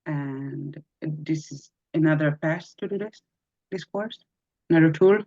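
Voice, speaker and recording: A middle-aged woman from Israel introducing herself in an online class over a video call, measured and calm. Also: low voice. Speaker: student teacher. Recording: dull lo-fi call audio.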